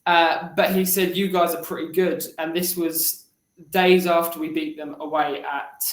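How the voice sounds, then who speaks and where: A man's voice: a little high, level tone, measured pace, reverberant. A man telling stories as a regular podcast contributor in casual chat, rambling with restarts.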